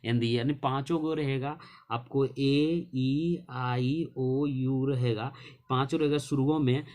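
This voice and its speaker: A male English teacher, explaining a lesson slowly, spelling words letter by letter and asking and answering his own questions. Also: medium pitch, fairly even intonation, darkish tone. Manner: slow, drawn-out dictation of spellings. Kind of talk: classroom lesson explaining translation.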